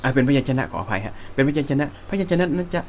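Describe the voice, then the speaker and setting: A man with a Thai accent teaching singing, explaining slowly and breaking into high sung phrases. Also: expressive, slight background noise. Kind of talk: relaxed spoken singing lesson with sung demonstrations.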